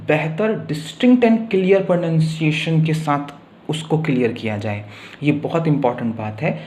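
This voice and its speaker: A man's voice: a little high, a little mellow. A man teaching a literature lesson, explaining step by step and often checking in with "okay". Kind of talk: spoken literature lecture. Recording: echoey room with faint hiss.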